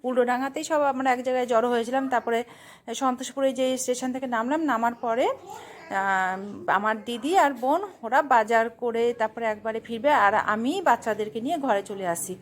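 A woman with a slightly high voice talks through her day for a family vlog. She chats in a loose, rambling way, stopping to fix her own slips, with the ease of someone filming at home. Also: moderate pace. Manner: chatty, rambling, self-correcting. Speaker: vlogger, mother. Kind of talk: casual vlog narration.

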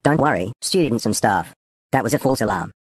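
A man's voice: medium pitch, animated, a little fast, heavy background noise. A man voicing a stern school principal who scolds pupils. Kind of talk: cartoon voice acting.

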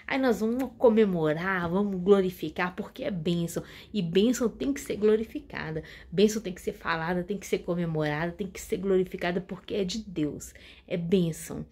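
A woman's voice: lowish voice, normal speed, breathy edge. A woman hosting her channel, giving a casual inspirational talk to her viewers and repeating words for emphasis. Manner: warm addresses to the audience, repeats words for emphasis. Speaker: channel host.

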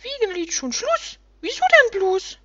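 A woman voicing a group of small, grumpy, dim-witted forest creatures with squeaky, sulky voices in a storybook reading. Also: big pitch swings, unhurried, a bit bright, no room sound, lo-fi sound, exaggerated voice. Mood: grumbling singsong. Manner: squeaky, sulky, simple-minded.

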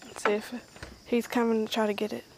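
A woman fishing off a pond dock, excited and giggly, calling out her catches to her husband on an action camera. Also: on the high side, brisk, gravelly, a little hiss or hum, rough recording. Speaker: angler, host's wife. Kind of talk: casual fishing vlog chat.

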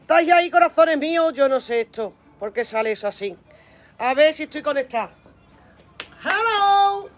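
A woman's voice: sits high, sharp tone. An older woman, hosting a chatty live stream from her phone at home. She sounds flustered by the app and reads out her viewers' names with pet names. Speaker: online seller doing a live stream.

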